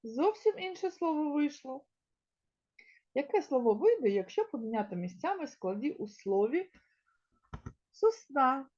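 A woman teaching a small-children's lesson in a slow, sing-song way, stretching words out and sounding them out one by one. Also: high-pitched, sing-song, a little mellow, muffled recording. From Ukraine. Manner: drawn-out, sound-by-sound word pronunciation. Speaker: kindergarten teacher.

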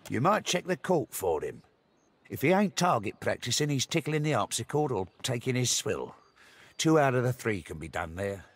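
A man voicing a crude, swaggering pirate in a video game, gruff and teasing. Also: medium pitch, big pitch swings, normal speed. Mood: sly.

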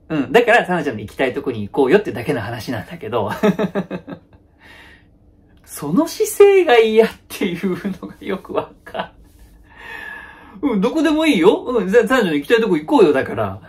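A young boyfriend who avoids every argument, as a comedian acts him out. His husky voice swings up and down as he repeats phrases over and over to soothe, with awkward little laughs. It is a one-sided comedy sketch. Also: high-pitched, exaggerated voice. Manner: nervous placating repetition of phrases. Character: young male boyfriend, placating, avoids any conflict.

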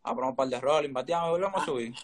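On a remote video call from an indoor room, a Dominican-accented teenage young man answers as an interview guest in a casual manner. His mid-range voice comes out very fast. He is from the Dominican Republic and his phone or laptop sits close in front.

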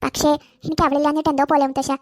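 Woman doing a squeaky, rapid cartoon girl. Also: level tone, natural voice. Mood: worried. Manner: pleading, affectionate. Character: young girl of thirteen, sweet and clinging. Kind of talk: cartoon voice acting.

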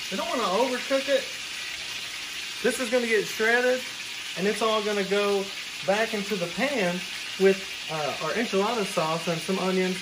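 A man's voice: high voice, moderate pace. A young man hosting a casual cooking video in his home kitchen, chatting to the viewer as he chops and stirs. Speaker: cooking show host. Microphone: camera mic at a distance. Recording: noisy kitchen with sizzling pan. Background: frying and sizzling food.

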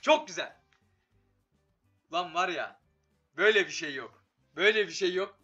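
A man's voice: high-pitched, animated, normal speed, sharp tone, muffled recording. A man doing casual, slangy live commentary on a slot game, swearing and talking to it, his voice giving out from being a bit sick. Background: game music.

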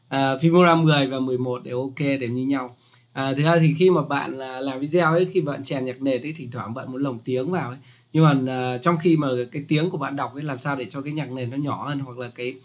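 A man hosting a casual screen-recorded software tutorial, chatty and joking as he explains. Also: medium pitch.

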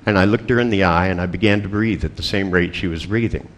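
An older man lecturing to a seminar audience in a deep, low voice. He tells stories with dry, sardonic humour and drops casual profanity into his asides. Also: fast. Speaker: seminar presenter. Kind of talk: storytelling lecture.

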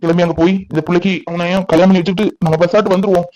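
A man's voice: high-pitched, steady tone, darkish tone, natural voice, rough recording. A man voicing a hot-tempered father. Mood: angry. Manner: anxious, agitated, fast.

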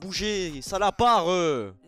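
A young man with a French accent giving raging gameplay commentary, shouting one moment and muttering the next, with sing-song taunts. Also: high voice, lively intonation, slow pace. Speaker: gaming streamer.

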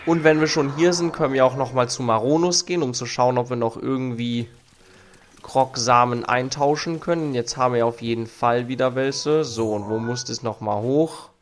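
With a cold in his voice, this young man reads game text aloud and comments casually while hosting a let's play. He has a medium pitch and normal speed; faint game music plays behind his arm-mounted studio mic.

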